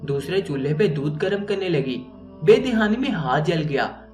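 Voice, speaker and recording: A man's voice: on the high side, animated, normal speed. A man narrating a moral story in an earnest, moralizing way. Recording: roomy, distant mic, faint music.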